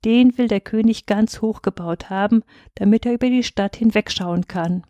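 A woman's voice: mid-range voice, moderate pace, mellow, dry recording, highs cut off, close to an everyday voice. A woman voicing a friendly male master builder who talks in a conversational way.

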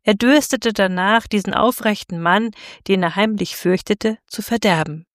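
A woman narrating a storybook in a steady, expressive reading voice. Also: mid-range voice, normal speed, no echo, clean studio sound.

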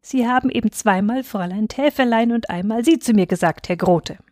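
Sprecherin als schüchterne junge Braut, neckisch, trockener Klang. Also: female voice, a little high, a little fast, darkish tone, no room sound, clean studio sound, voice pushed up, lightly acted. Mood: bashful. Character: shy young newlywed woman.

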